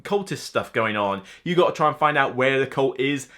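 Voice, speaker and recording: At medium pitch and a moderate pace, this man in his thirties sounds animated and a bit bright. He's reviewing board games to camera from a shelf-lined indoor room, rambling with emphatic, enthusiastic energy.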